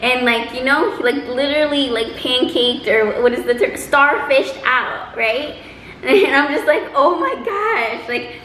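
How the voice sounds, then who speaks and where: A woman telling a personal story in a casual, chatty, animated way, acting out quotes as she goes. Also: high voice, a little slow. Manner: animated, exaggerating delivery with acted-out quotes. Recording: roomy echo, faint background noise.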